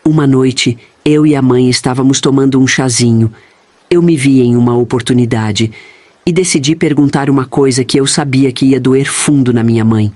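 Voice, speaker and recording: A man's voice: medium pitch, steady tone, normal speed, darkish tone, no echo. Man narrating in a dry, close voice. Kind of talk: scripted first-person storytelling.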